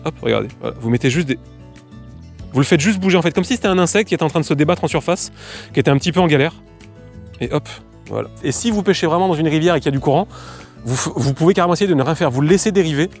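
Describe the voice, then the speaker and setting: A young man gives a casual fishing lure demo outdoors, talking in quick, loose explanations full of fillers. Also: on the high side, lively intonation, soft background music. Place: outdoors by the water.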